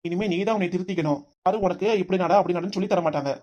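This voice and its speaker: A gruff, weary cartoon husband, as a woman voices him with a Tirunelveli Tamil accent. He scolds in a rapid-fire rush, and the voice sits fairly low for a woman. He is blunt and short with his wife. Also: warm tone, highs cut off, natural voice. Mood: chiding. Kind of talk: cartoon comedy voice acting.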